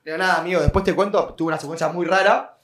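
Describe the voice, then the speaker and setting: A young man with an Argentine accent tells a story on a podcast. His voice sits high for a man, and he acts out the sounds and voices in his tale with lively energy. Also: rapid-fire. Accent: Argentine Rioplatense Spanish. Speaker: podcast guest. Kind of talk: casual storytelling.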